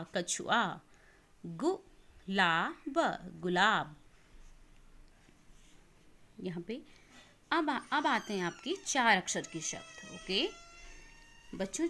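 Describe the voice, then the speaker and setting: A woman teacher with an Indian accent giving an online lesson to young children, reading words slowly syllable by syllable and mixing in English words. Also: medium pitch, a bit bright. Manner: slow, exaggerated syllable-by-syllable reading aloud.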